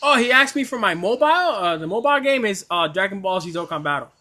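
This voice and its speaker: A man chatting casually on a livestream, excitable and stammering, often repeating himself and apologizing. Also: high voice, fast talker. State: coughing at times. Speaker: anime streamer.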